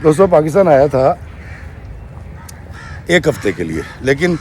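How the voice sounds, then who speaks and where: A man, host and storyteller, retelling a listener's story in a lively way, dropping his voice low and then raising it. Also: slight background noise. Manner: lively retelling, swings between quiet and raised voice.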